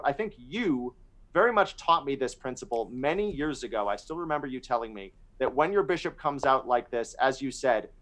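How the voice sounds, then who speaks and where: A man co-hosting a chess show, reflecting on principles and games in a thoughtful, casual way, his voice softening at the end of phrases. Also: mid-range voice. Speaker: chess commentator.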